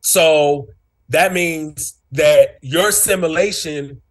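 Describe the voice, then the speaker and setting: A man speaking in a fairly high register for a man, but taking his time. He unspools his thoughts slowly, with plenty of "you know" and "um" between ideas. It sounds like casual livestream talk-show chat. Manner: reflective, drawn-out delivery with many fillers.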